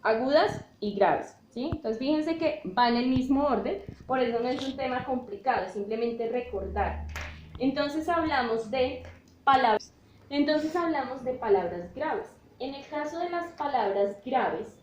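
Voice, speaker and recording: A woman teaching a grammar lesson, explaining slowly and patiently and checking in often with her students. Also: sits high, lively intonation, darkish tone, reverberant, a little hiss or hum.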